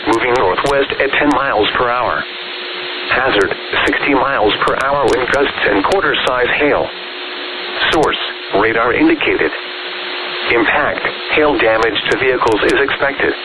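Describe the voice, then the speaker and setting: A synthetic man's voice reading an automated weather radio bulletin in a measured, formulaic announcer delivery. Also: mid-range voice, poor audio.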